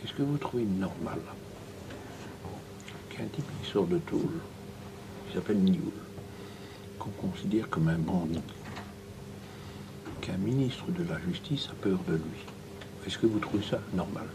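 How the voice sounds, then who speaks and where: A man talking informally and haltingly, repeating himself for emphasis, secretly recorded on a hidden mic. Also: low-pitched, animated, background noise. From Belgium. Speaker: interviewee, former political go-between.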